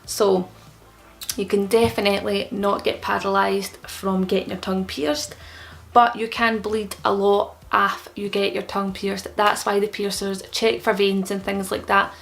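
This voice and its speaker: With a mid-range, somewhat bright voice and a creaky quality, a young woman talks through common questions in a relaxed vlog. Her articulation is slightly hampered and thick-tongued, suggesting a newly pierced tongue.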